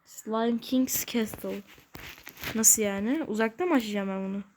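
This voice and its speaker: A woman hosting a gaming channel, giving casual let's-play commentary in short, excitable bursts with slangy exclamations and mild curses. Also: on the high side, normal speed, a little hiss or hum. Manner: talks to self while playing, short bursts.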